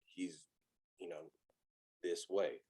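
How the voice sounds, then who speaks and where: Man, 30s, low-pitched, candid, rambling, casual podcast chat. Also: level tone, takes it slowly, a little mellow, slightly rough. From Los Angeles. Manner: candid, loose, rambling with many fillers. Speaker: podcast guest.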